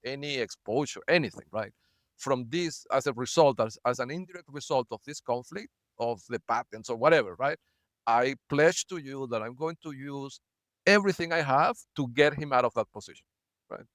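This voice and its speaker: A man's voice: medium pitch, a bit bright, no room sound. A man talks through a personal video log in a mid-range voice, stopping and restarting his sentences and tagging most of them with "right?". The sound is dry and close, with no room around him. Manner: halting, many fillers and repeated "right?"; laughs between words. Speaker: vlogger.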